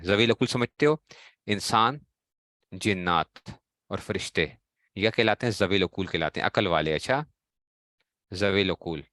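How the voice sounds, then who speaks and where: A man's voice: fairly low pitch, fairly bright tone, no room sound, clean studio sound. A man with a Pakistani Urdu accent teaching a grammar class, explaining step by step and quizzing his students as he goes. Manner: explains in a question-and-answer style, quizzing students.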